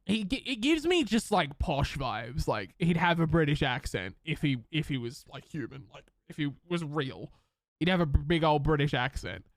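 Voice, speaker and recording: A man's voice: fairly high pitch, big pitch swings, normal speed, no echo, studio quality. A man giving casual live-stream commentary while playing a game, chatty and upbeat, talking to his chat and to the characters.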